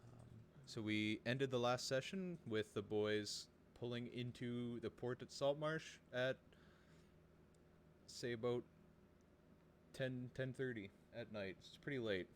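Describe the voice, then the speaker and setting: Game-mastering a tabletop game from home over online voice chat, a man narrates informally and hesitantly, improvising as he goes. His medium-pitched voice moves slowly with long pauses. Slight background ambience comes through the home voice chat.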